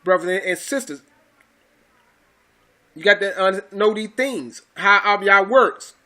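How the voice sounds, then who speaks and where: A man's voice: high-pitched, slow pace, pushed and bright. A man teaching scripture to his followers in an emphatic, preachy way, repeating phrases and calling listeners brothers and sisters. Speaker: religious teacher.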